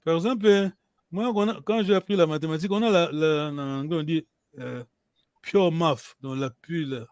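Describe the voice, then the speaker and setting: A man's voice: on the high side, normal speed, a little mellow, smooth, dry recording, clean studio sound. A man teaching a language class, hesitant, restarting his sentences and often checking that students follow. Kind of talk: online language lesson.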